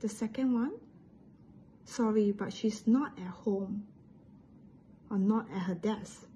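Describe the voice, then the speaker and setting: A woman's voice: medium pitch, slow pace, dark tone, a little hiss or hum, low-quality recording. A woman from Singapore with a Singaporean accent, patiently explaining English phrases and pronunciation step by step as a teacher.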